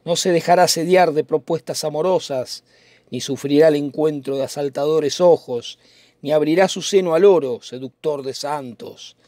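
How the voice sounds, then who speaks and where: A man's voice: fairly high pitch, normal speed, dark tone, no room sound, clean studio sound, close to an everyday voice. A man reading the part of a brooding, poetic young nobleman in a dramatic reading of a play, in a theatrical, declaiming manner. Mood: lovesick.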